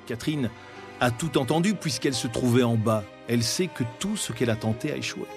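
A man giving scripted documentary narration in a measured, dramatic storytelling manner with pauses. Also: medium pitch. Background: faint background music.

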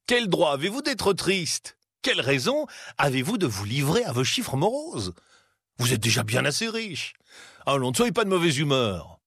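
A man voicing a cheerful, warm-hearted young nephew who speaks with enthusiasm. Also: a little high, big pitch swings, takes it slowly, hardly any pauses, dry recording, clean studio sound, pitched above the performer's own voice, heavily acted.

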